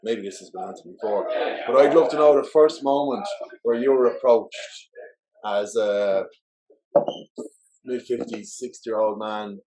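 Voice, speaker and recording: A man's voice: lowish voice, unhurried, long pauses, darkish tone, rough recording. A man hosting a casual podcast interview, asking eager questions and swearing freely. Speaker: podcast host.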